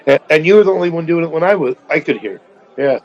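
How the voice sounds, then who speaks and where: A man's voice: on the high side, expressive, fast. A man chatting and joking as a guest on a call-in stream, his voice tinny through the call line. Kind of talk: casual chat. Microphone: remote call audio.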